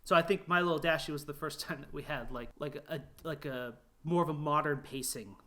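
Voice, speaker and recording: A man who is a guest animator on a podcast, talking in a casual, animated way with frequent laughs and filler words. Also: on the high side, fairly quick. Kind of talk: casual chat.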